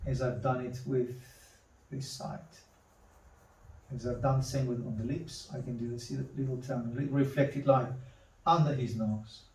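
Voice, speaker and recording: A man demonstrating charcoal drawing, talking slowly to himself as he works and repeating words under his breath. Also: medium pitch, darkish tone. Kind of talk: thinking-aloud drawing demonstration. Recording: roomy, mic at a distance.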